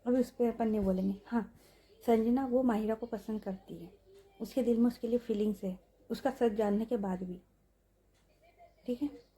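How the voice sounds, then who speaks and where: A woman's voice: fairly high pitch, fairly even intonation, normal speed, long pauses, warm tone, husky. A young woman narrating a story in a casual, chatty way, turning to her listeners with asides.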